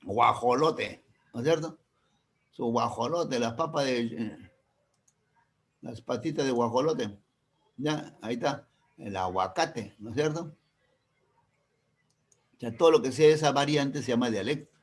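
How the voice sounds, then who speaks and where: A man's voice: mid-range voice, a little slow, pauses often, slightly rough. A male teacher with a Peruvian accent, giving a classroom lecture, often checking in with his students and explaining through everyday examples. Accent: Peruvian Spanish.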